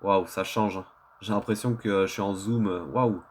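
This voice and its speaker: A man's voice: lowish voice, steady tone, normal speed. A man giving casual gameplay commentary, thinking aloud in colloquial language as he plays. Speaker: video game streamer.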